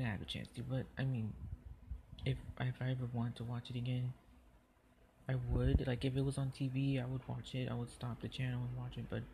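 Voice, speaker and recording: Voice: medium pitch, warm tone, a little hiss or hum. A podcast host giving a casual solo review, rambling and hesitant, often restarting sentences and filling gaps with "like".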